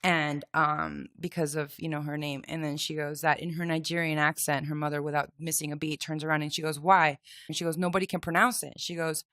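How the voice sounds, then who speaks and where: A woman co-hosting a podcast, telling a story with lively, emphatic reactions. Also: sits low, fairly quick, few pauses. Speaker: podcast co-host. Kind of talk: casual conversation.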